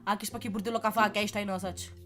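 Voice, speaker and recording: A woman's voice: mid-range voice, fairly even intonation, fast, fairly bright tone, soft background music, natural voice. A woman voicing a cheeky, argumentative cartoon character in slangy Sicilian dialect for an amateur parody dub, rambling and swearing. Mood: irritated. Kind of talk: amateur comic parody dub of an animated film.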